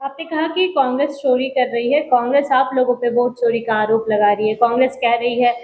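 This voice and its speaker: A woman anchoring a news interview, asking questions in a brisk, formal way. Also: fairly high pitch, steady tone, reverberant, narrow, tinny audio, slight background noise.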